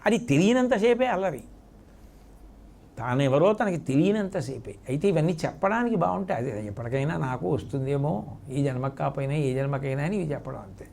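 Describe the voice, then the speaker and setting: A man's voice: on the high side, animated, fairly quick, vocal fry, a little mellow, slight background noise. A man giving a devotional sermon, telling a story vividly and repeating words for effect. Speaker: spiritual discourse speaker.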